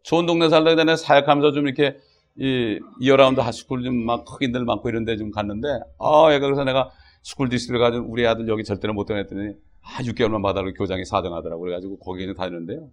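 Speaking at a quick pace with a steady tone and medium pitch, this middle-aged man delivers a sermon as a pastor. He keeps it conversational, often stepping aside from his point and performing quoted voices and prayers.

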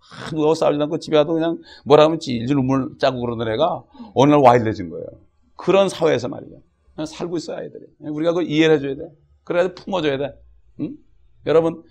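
Male pastor, middle-aged, rapid sermon, slightly high voice, chatty asides. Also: gravelly. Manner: fast, conversational preaching with frequent "어?" asides; acts out quoted voices and prayers.

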